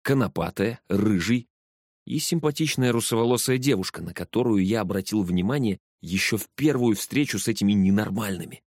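A man narrating a first-person story with a steady storytelling delivery. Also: fairly low pitch, brisk, no room sound, studio quality. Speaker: audiobook narrator.

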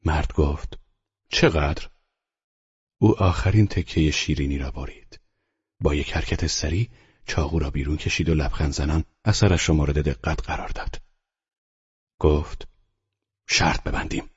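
A man with a husky voice reading a novel aloud in calm, measured scripted narration. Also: extremely low pitch. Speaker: audiobook narrator. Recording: dull lo-fi audiobook recording.

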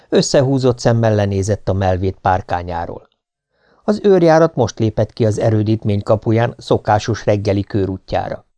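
A man reading an adventure novel aloud as an audiobook narrator, at a steady, measured pace. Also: on the low side, dry recording.

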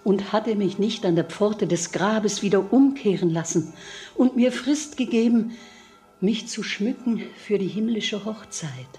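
An actress playing a pious older mother who talks of faith and gently admonishes her children, in a classic radio play. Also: medium pitch, a little slow, natural voice. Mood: devout. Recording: radio drama with faint music.

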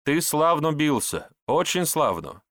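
A jittery, evasive herbalist, as a male reader puts him on for an audiobook, his voice pushed up high and tight. He answers in hurried bursts. The sound is close and dry, with no room around it. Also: very animated, fairly bright tone, no echo. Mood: eager. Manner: flustered, eager, hurried replies. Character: nervous evasive male herbalist, a disguised priest.

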